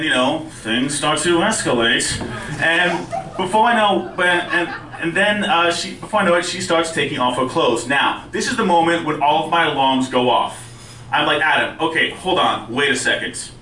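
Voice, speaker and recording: A male stand-up comedian with a bright, slightly high voice tells self-deprecating stories in a conversational way. His speech impediment turns R's soft and close to W. The sound is roomy, as if picked up from a distance in a live venue. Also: normal speed. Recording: roomy live club, distant mic, faint noise.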